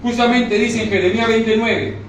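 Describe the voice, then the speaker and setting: Emotional male preacher, high voice, repeats himself, heard from afar in a very echoey room. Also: steady tone, normal speed. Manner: emotional, repeats phrases, asks the congregation questions. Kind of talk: sermon. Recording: echoey room, recorded from far off, faint noise.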